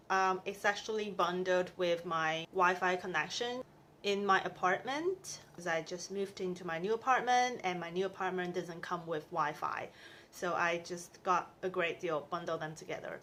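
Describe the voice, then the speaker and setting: A Taiwanese woman in her thirties chats through her monthly costs in a casual explainer vlog, itemizing each one in an upbeat way. Her voice sits on the low side with a fairly bright tone, and there's a little hiss or hum.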